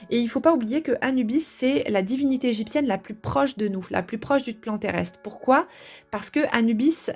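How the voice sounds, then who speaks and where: A woman giving a tarot reading, speaking gently and chatting to her viewers with many hesitations. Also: a little high. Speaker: tarot reader.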